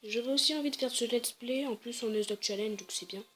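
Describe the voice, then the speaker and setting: A woman's voice: on the high side, fairly quick, a bit bright, soft background music. Chatty young-sounding woman gaming. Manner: chatty, hesitant, self-correcting. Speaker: let's play gamer. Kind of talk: casual game commentary.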